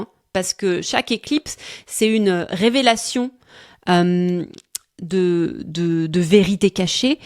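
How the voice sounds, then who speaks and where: A woman's voice: medium pitch, a little mellow, dry recording, studio quality. A woman co-hosting an astrology coaching talk, speaking casually with many hesitations and restarts, searching for words, tired and laughing easily.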